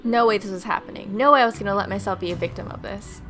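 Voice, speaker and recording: Speaking at a quick pace in a mid-range voice, a woman hosts a let's play, dramatically reading the game's narration and tossing in casual asides. Music plays behind her, and her read-aloud is expressive and theatrical.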